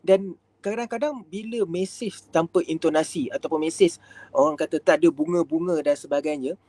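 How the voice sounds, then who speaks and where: A man's voice: fairly high pitch, darkish tone, no room sound. A man with a Malaysian accent giving a counseling lecture, full of fillers and English words. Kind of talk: live-streamed lecture.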